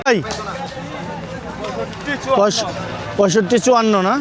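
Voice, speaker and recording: A man with a Bangladeshi accent and a high voice gives on-the-spot cattle market commentary. He calls out questions and echoes prices in an exclamatory way. A loud crowd and traffic surround him outdoors. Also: steady tone, measured pace. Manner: exclamatory, repeats answers back.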